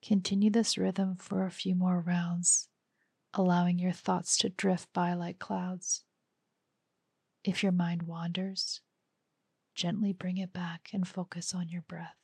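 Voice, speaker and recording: A woman guiding a breathing meditation, speaking softly and often whispering as she counts breaths. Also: lowish voice, flat delivery, slow pace, gravelly, breathy edge, dry recording, studio quality. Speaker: meditation guide.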